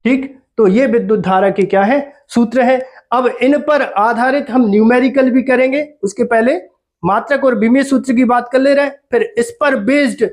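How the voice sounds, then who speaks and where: A man's voice: extremely high pitch, normal speed. A man teaching a physics lesson, repeating key terms and quizzing his students with questions. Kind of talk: classroom lecture.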